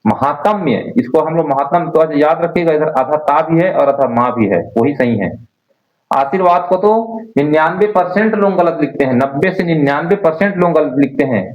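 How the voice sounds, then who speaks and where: A man's voice: fairly high pitch, expressive, normal speed. Man teaching a spelling class, echoey. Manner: drills words by repeating them, asks students questions. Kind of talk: online Hindi spelling class. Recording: roomy, dull lo-fi sound.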